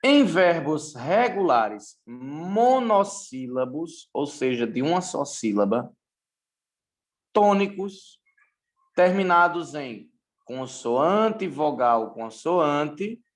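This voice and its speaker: A man from Brazil teaching English grammar in a recorded lesson, speaking deliberately and repeating key points. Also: on the high side, sing-song.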